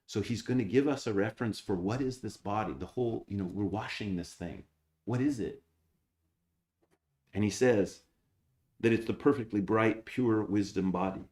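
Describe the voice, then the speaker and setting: A man, an abbot, giving a Zen Dharma talk, reading old texts slowly and then explaining them with rhetorical questions. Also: fairly low pitch, darkish tone, echoey room.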